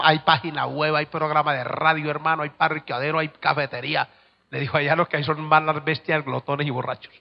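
Gravelly preacher in a reverberant hall. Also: male voice, fairly high pitch. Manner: storytelling preacher, swings from hushed to shouting. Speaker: pastor. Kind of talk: sermon. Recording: dull lo-fi recording with long hall reverb.

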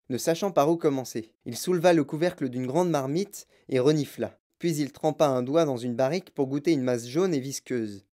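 Mellow-voiced storybook narrator. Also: mid-range voice. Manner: calm, even, descriptive reading. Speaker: audiobook narrator.

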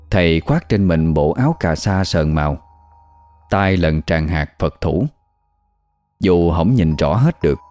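A man narrating a scripted ghost story in a measured, steady way. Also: low-pitched.

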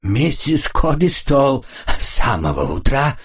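A man voicing a timid, flustered old man who stammers hoarsely. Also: medium pitch, big pitch swings, slow, pitched above the performer's own voice, heavily acted. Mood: frightened.

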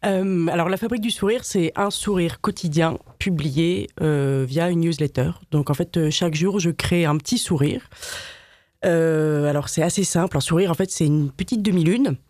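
A woman from Paris, a graphic designer, chatting as a guest in a casual interview, laughing often and filling pauses with many hesitations. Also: lowish voice, darkish tone, no room sound, clean studio sound. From Paris, France.

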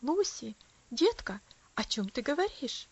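Lady reading a soft anxious mom, storybook, muffled lo-fi. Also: high-pitched, big pitch swings, unhurried, slightly rough, exaggerated voice. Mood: concerned. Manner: soft, tender, concerned. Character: gentle worried mother. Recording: dull lo-fi audio.

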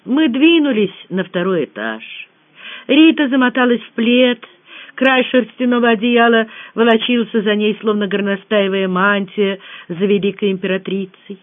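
An audiobook reader telling a novel aloud with expressive delivery. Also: mid-range voice, moderate pace. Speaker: audiobook narrator. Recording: tinny phone-like audio.

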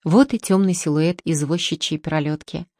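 Female audiobook narrator, low-pitched, steady, dry close sound. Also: moderate pace, dry recording. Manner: calm, steady literary reading.

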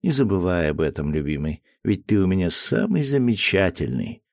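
A man reading a storybook voicing a gentle, loving young woman who speaks softly and coaxingly, with a slightly raised voice. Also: sits low, sing-song, moderate pace, vocal fry, no room sound, clean studio sound, full character voice. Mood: reassuring. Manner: soft, tender, coaxing.

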